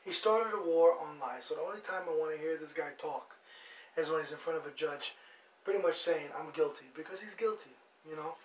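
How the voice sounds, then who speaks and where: A man's voice: on the high side, brisk. A man hosting a blunt, rambling news monologue, mocking as he goes. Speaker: host. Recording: echoey room, distant mic, faint noise.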